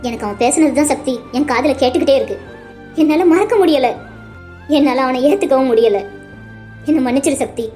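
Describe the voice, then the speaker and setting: A woman's voice: high voice, a little fast, pauses often, mellow, faint music behind, lightly acted. A woman voicing a young wife in a cartoon, hurt and guarded in her replies. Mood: tearful. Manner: wounded, reluctant replies. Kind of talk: cartoon voice acting.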